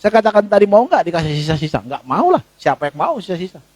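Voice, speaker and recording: A male pastor preaching a sermon in a conversational, animated way, jumping to high exclamations and dropping to low asides as he addresses the congregation. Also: quick pace, dry recording. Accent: Indonesian. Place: church.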